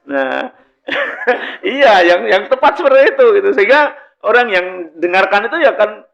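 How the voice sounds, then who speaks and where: A man's voice: high-pitched, big pitch swings, moderate pace, gravelly, a bit bright, dull audio. A middle-aged man with a Javanese accent giving a religious study talk, chatty and joking, laughing often and slipping into Javanese. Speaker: preacher.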